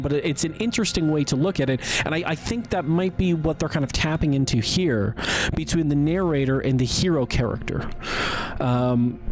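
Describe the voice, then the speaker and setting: A man giving casual playthrough commentary as he plays, musing and thinking aloud. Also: on the high side. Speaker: gamer playing and commenting. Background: game music and sound effects.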